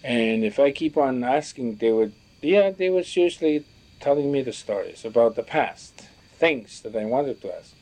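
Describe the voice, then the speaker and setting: A man recalling what elders taught him, talking in a reflective, halting way with many restarts as he searches for words. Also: mid-range voice, expressive, a little mellow. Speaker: storyteller recalling teachings from elders. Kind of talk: reflective spoken recollection.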